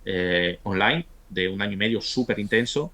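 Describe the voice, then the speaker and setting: Hombre nacido en Italia, cuarentón, voz algo grave, timbre nítido e intenso, habla mucho, se corrige a menudo. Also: male voice, fairly low pitch, normal speed, fairly bright tone. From Italy. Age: 40s. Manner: talkative, many restarts and stumbles. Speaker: guest, university professor. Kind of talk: casual interview conversation.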